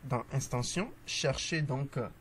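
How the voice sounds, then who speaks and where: A man giving a casual coding tutorial, calmly talking through each step as he types and tossing in upbeat asides to the viewer. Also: medium pitch, measured pace, slight background noise.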